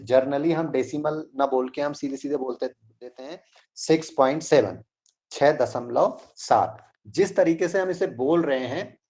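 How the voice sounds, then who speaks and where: Slow, deliberate male math teacher. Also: a little high, mellow. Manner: slow, deliberate, reads digits one by one. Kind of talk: online class lecture.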